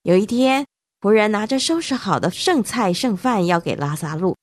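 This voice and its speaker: A woman narrating a Bible story for children, animated and speaking directly to the young listeners. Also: medium pitch, normal speed, no room sound, studio quality.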